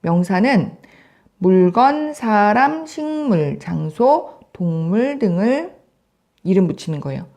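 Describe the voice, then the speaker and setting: A woman's voice: medium pitch, mellow. A woman teaching English grammar in a recorded video lesson, drilling word lists in a chant and checking in with the class.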